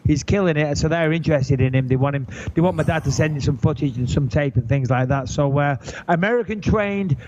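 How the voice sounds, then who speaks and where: A man's voice: fairly high pitch, brisk, hardly any pauses, darkish tone, a little hiss or hum. A middle-aged English man with an English accent, chatting casually as a podcast host, joking and swearing. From England. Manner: joking, swearing, restarts sentences. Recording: dull lo-fi audio.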